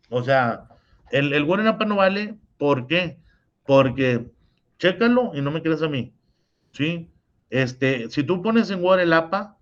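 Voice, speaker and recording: A man's voice: medium pitch, muffled recording. A man with a Mexican accent teaching a review lesson over a video call, explaining step by step and often checking in with his listener. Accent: Mexican Spanish.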